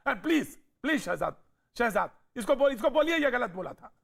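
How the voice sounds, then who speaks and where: A male TV anchor moderates a heated panel with a firm, interrupting manner, slipping English phrases into his Hindi. His voice sits very high and rings bright and forceful. It is clean studio sound. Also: sing-song, moderate pace, gravelly. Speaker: TV news debate anchor.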